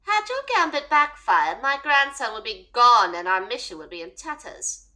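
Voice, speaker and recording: A woman voicing a stern old grandmother with a thin, high old-lady voice, lecturing sharply. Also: big pitch swings, normal speed, sharp tone. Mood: scolding.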